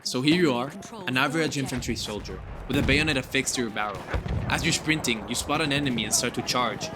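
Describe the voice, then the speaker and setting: A man's voice: mid-range voice, fast, very noisy. A young man narrating a scripted gaming video in an enthusiastic, gushing and informal way.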